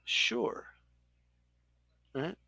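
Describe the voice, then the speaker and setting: A young man hosts a boxing live stream, speaking very slowly in a pushed, bright voice. The sound is dry and close with no echo. He's profane and chatty, tossing loose banter back and forth with his viewers as he casually comments to chat.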